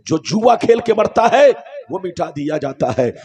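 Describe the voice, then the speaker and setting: A male preacher giving a rousing, declamatory sermon with repeated refrains, calls to the crowd, sudden shouts and sung lines. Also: high-pitched, big pitch swings. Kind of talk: Urdu religious sermon.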